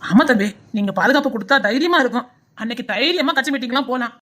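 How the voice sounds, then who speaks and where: A woman voicing a calm, sympathetic male politician who speaks in a soothing, matter-of-fact way, with a Tirunelveli Tamil accent. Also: fairly high pitch, fast.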